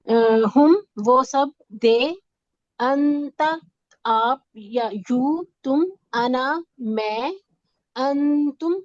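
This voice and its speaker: A woman's voice: sits high, darkish tone, no room sound, lo-fi sound. A woman student reciting Arabic words hesitantly on a video call.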